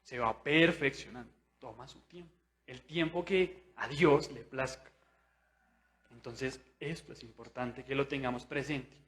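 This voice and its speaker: A young man preaching a sermon in a church, chatty and animated, asking his listeners questions and acting out what people think. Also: medium pitch, unhurried. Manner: conversational, with tag questions; animated, acts out inner voices.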